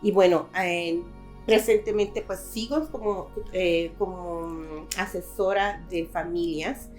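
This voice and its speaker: A woman's voice: lowish voice, steady tone, slow pace, a little mellow, soft background music. A middle-aged woman from Guatemala, a guest in a conversational interview, speaking thoughtfully with frequent hesitations.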